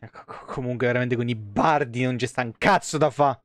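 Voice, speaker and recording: A Roman-accented Italian man in his thirties, a game streamer, commentates live on a video game from a small indoor room, talking a little fast in a mid-range voice. He's casual and slangy, swears freely and mutters asides, and the recording is dry.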